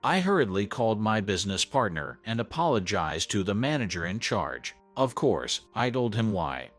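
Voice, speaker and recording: A man's voice: lowish voice, big pitch swings, moderate pace. A man narrating a first-person story in an earnest, scripted way. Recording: soft background music.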